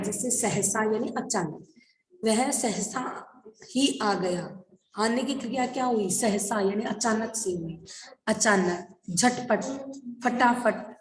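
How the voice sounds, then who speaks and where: A woman teaching an online lesson, her voice sitting a little high. She keeps posing questions and answering them herself. The sound is echoey, with faint noise behind it. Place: room, online class.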